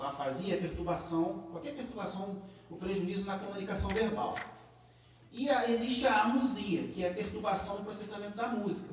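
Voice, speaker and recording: In a large, echoey lecture room, a man with a Brazilian Portuguese accent gives a live classroom lecture, explaining step by step with frequent tag questions and restarts. His voice is high-pitched, recorded from a distance with slight background noise.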